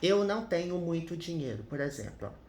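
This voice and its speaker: A man's voice: on the high side, very animated, fairly quick, darkish tone, reverberant, slight background noise. A man teaching English grammar in a casual, chatty way, often adding little tag questions as he explains.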